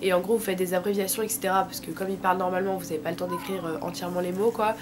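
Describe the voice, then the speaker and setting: A French vlogger in her late teens, sick with tonsillitis, talks very fast in a thick, sore-throated voice that sits on the low side with fairly even intonation. She gives informal, slangy advice in a casual vlog, with background noise behind her.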